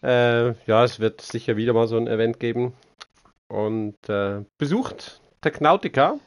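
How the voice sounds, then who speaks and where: A man streaming a game, signing off casually and thanking viewers in an easygoing way. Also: mid-range voice. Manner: easygoing, chuckling, unhurried. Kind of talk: casual live-stream sign-off.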